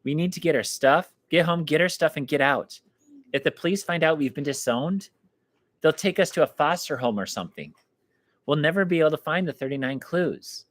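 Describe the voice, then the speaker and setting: A man reading aloud, voicing an anxious, determined teenage girl who is an older sister, speaking in a hushed, urgent way in a storybook reading. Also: on the high side, lively intonation, fairly quick, no echo, voice pushed up.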